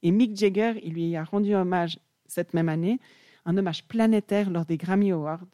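A woman's voice: lowish voice, moderate pace, mellow, no room sound, clean studio sound. A young woman presenting an enthusiastic music chronicle on the radio.

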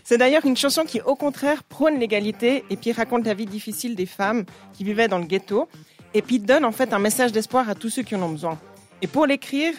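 A woman presents a music segment in a radio studio, telling the story behind a song in a lively, explanatory way. Soft music plays faintly behind her. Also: a little high, fairly quick. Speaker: radio columnist.

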